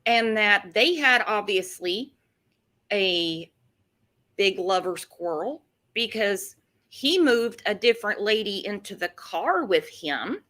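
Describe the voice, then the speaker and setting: A woman's voice: mid-range voice, expressive, slow pace, fairly bright tone. A woman hosting a casual true-crime commentary chat, with a sarcastic, mocking edge. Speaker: host.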